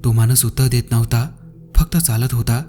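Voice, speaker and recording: A man telling a scripted horror story in short, dramatic phrases with pauses. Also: medium pitch, warm tone, faint music behind.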